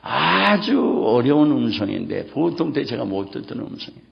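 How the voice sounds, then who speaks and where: A middle-aged pastor preaches with passion, his gravelly voice rising high and dropping into hushed, almost whispered lines. His pitch roams widely as he pleads and exclaims. The sermon comes through a dull, muffled lo-fi recording. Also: very animated, normal speed. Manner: impassioned, swinging between loud exclamations and hushed near-whispers.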